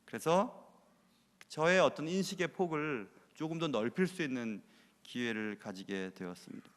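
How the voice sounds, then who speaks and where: A man's voice: on the high side, expressive, normal speed. A male pastor preaching a sermon in a church, conversational and confessional, asking rhetorical questions. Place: church sanctuary. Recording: reverberant church hall.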